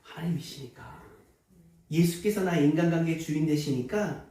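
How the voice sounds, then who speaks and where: A man preaching a sermon, telling a story in an animated way and often laughing. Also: high-pitched. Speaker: pastor. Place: church sanctuary. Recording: echoey church hall from far off, faint noise.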